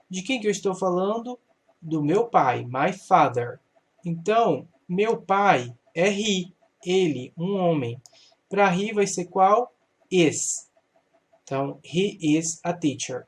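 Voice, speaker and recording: Man, english teacher, slow unhurried delivery, patient, self-questioning explanations. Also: fairly high pitch. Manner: patient, explains slowly, asks and answers his own questions. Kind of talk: step-by-step grammar lesson.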